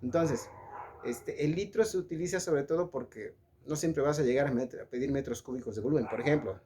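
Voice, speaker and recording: A man's voice: mid-range voice, warm tone, slight background noise. A man with a Mexican Spanish accent teaching a physics lesson, explaining step by step and checking in with his students. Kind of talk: classroom lecture. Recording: echoey room.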